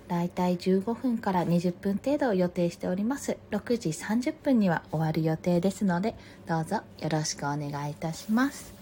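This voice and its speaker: A woman hosting a morning live stream, speaking softly and very politely and reading picture books aloud. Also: medium pitch, slight background noise. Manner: soft, very polite, gentle.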